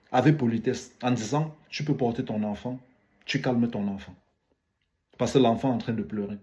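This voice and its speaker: A man's voice: medium pitch, darkish tone. Man with a light African French accent. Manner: didactic, repeats phrases for emphasis. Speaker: commentator. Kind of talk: video commentary monologue.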